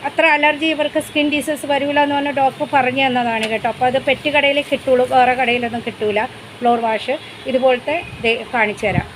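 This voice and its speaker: A woman's voice: sits high, steady tone, fairly quick, a little hiss or hum, low-quality recording. A woman vlogging casually about her pet dog, chatty and explaining things step by step, switching to coaxing baby talk with the dog. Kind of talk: casual vlog narration.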